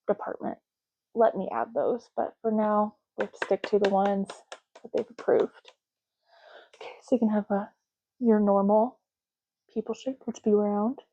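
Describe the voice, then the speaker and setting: In an unhurried ASMR roleplay, a woman plays an ID card clerk helping a customer, speaking softly and breathily and sometimes slipping into a whisper. Her voice is mid-range and the recording muffled, and she gently lingers on and repeats words in a casual, soft-spoken way.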